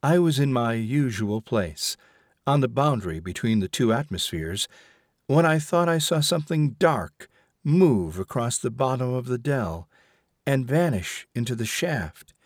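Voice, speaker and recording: A man's voice: mid-range voice, animated, measured pace, no echo, clean studio sound. A man reading aloud as a haunted young rebel who tells his ordeal in earnest, dramatic first person. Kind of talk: audiobook reading.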